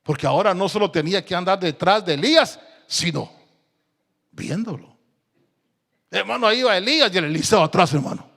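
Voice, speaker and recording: Male pastor, high and lively voice, dramatic sermon delivery with questions to the congregation. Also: brisk, creaky, pauses often, in a large hall. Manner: rhetorical questions to the congregation, dramatic swings in loudness. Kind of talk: evangelical sermon.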